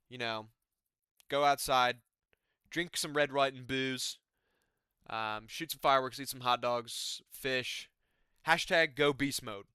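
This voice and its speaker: A man's voice: mid-range voice, pushed and bright, clean tone, no room sound, studio quality. A man giving casual comedic commentary as an MMA YouTuber, rambling and self-deprecating.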